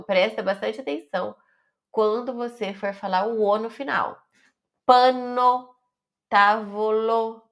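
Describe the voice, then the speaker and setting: A woman with a Brazilian Portuguese accent teaching an online Italian lesson, carefully stretching out her example words. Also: medium pitch.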